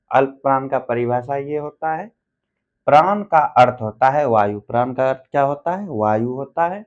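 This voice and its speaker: A man at an average pitch teaching a grammar lesson for exam preparation. He poses questions to his students and answers them himself, counting items out and going back over each point. The recording sounds a little dull and lo-fi. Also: darkish tone. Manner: repeats and counts things out.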